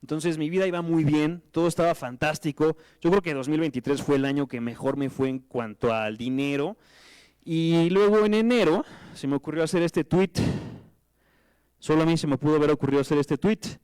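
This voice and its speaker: Mexican man telling an animated story. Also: a little high, moderate pace, clear, resonant tone, dry recording. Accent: Mexican Spanish. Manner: animated storytelling, self-mocking, slangy. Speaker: guest speaker. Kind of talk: conference talk. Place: lecture hall with audience.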